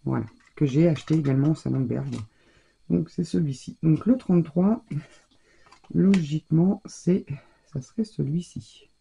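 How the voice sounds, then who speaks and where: A woman talks her viewers through her scrapbooking in loose, casual commentary. Her voice is gravelly and husky with a dark, mellow tone. She thinks aloud as she works. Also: deep voice, normal speed. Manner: chatty, thinking aloud while working. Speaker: scrapbooking crafter.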